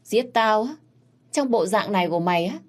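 Woman reading a scheming crown prince, taunting, menacing, low. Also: expressive, moderate pace.

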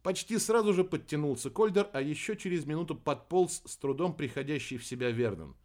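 A man narrates an audiobook with a wry, even delivery. His voice sits a little high for a man, and he reads steadily through the prose. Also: fairly quick. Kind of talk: scripted narration.

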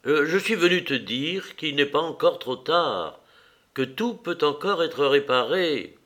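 A man's voice: fairly high pitch, expressive, fairly bright tone, voice pushed up. A man playing a tormented young fiancé. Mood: desperate. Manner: desperate, halting, with hesitations. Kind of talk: audiobook character voice.

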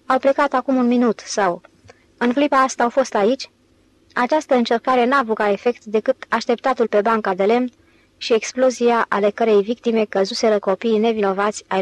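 A woman narrating an audiobook in a steady, even reading voice. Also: on the high side, low-quality recording. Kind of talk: scripted narration.

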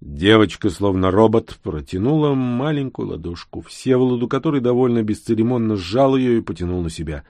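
A man narrating a post-apocalyptic audiobook in a steady, dramatic reading style. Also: fairly low pitch, brisk, hardly any pauses, no room sound, clean studio sound. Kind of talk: scripted narration.

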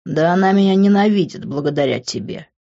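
A woman voicing an angry, brusque young man who talks in a slow, low hiss, on a dull lo-fi recording. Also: lively intonation, vocal fry, mellow. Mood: angry, heated.

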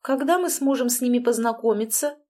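A fussy middle-aged mother who keeps pressing with reproachful questions, as a woman reads her in an audiobook. The voice sits raised and bright, with lively rises. It comes across as a storybook parent who will not let a matter drop. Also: a little high, normal speed, pitched above the performer's own voice, lightly acted. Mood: insistent. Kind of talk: audiobook dialogue.

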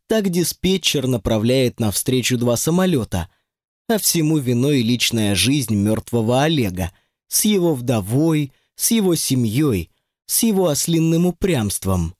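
A man narrating an audiobook in an expressive, wryly ironic storytelling manner. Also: mid-range voice, a little slow, no room sound, clean studio sound. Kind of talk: scripted narration.

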